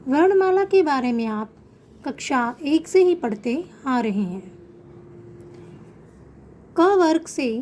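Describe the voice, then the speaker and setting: A woman teaching an online Sanskrit class to children, explaining patiently and slowing down to pronounce example words. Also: high-pitched, warm tone, a little hiss or hum.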